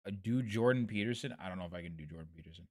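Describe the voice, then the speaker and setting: A man's voice: lowish voice, racing, dry recording, studio quality. Casual, self-deprecating male streamer. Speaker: livestream host covering news. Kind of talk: casual late-night livestream chat.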